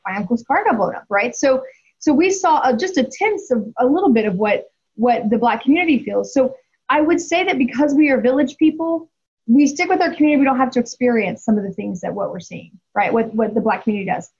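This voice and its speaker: Husky woman telling an emphatic story. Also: on the high side, a little fast. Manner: emphatic, animated, frequent restarts. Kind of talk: candid conversational storytelling. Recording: dull lo-fi audio.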